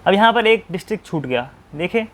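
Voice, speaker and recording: A man's voice: high-pitched, animated, fast, a bit bright. A man teaching how to draw a map. He keeps asking himself short questions and answering them, and he spells names out letter by letter. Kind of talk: map-drawing tutorial.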